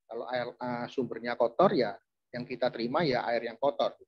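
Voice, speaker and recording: Husky-voiced man preaching conversationally. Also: medium pitch, moderate pace, lo-fi sound. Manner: chatty, addresses audience often, restarts phrases. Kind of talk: conversational sermon.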